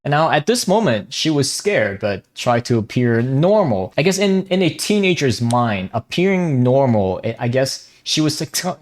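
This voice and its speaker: A young Vietnamese man, a native Vietnamese speaker with a medium-pitched voice, runs a gaming commentary YouTube channel. He comments bluntly and casually on online drama, swearing freely and often restarting his sentences.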